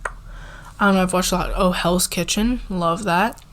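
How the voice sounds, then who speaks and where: A young woman of eighteen answers viewer questions in a soft, relaxed, casual way. Her voice sits a little on the low side. She often says "like" and sometimes drops to a whisper. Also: measured pace. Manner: soft-spoken, relaxed, many "like" fillers, drifts into whispers. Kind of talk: casual Q&A chat.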